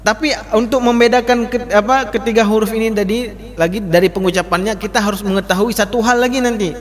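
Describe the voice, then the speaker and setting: Male recitation teacher, high animated voice, long hall reverb. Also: fast talker. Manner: addresses class as Pak, demonstrates letter sounds repeatedly. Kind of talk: mosque study class. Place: mosque hall.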